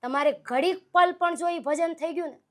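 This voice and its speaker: A woman from Saurashtra in Gujarat, a guest folk singer, speaks in a casual interview in a very high-pitched voice at normal speed. She tells her stories earnestly and with real heart.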